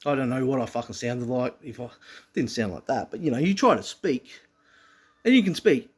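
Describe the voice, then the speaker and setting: A man telling a personal story in an emphatic, profane, rough-edged way. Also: medium pitch, animated, moderate pace. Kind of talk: personal monologue.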